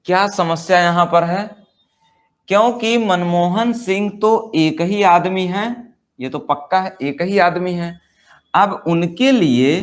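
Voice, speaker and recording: Man, patient grammar teacher, drawn-out delivery, repeats each point. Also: sits high. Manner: slow, explanatory, repeats points and asks rhetorical questions; reads English example sentences very slowly, word by word. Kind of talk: Hindi-language grammar lesson.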